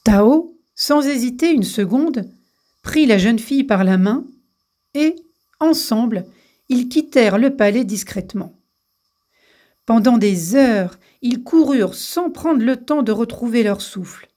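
A woman storyteller reading a fairy tale aloud in a measured, gentle way. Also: on the high side, animated. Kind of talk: scripted fairy-tale narration.

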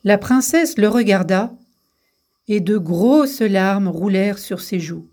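A woman storyteller reading a fairy tale aloud in a measured, gentle way. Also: medium pitch, lively intonation. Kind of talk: scripted fairy-tale narration.

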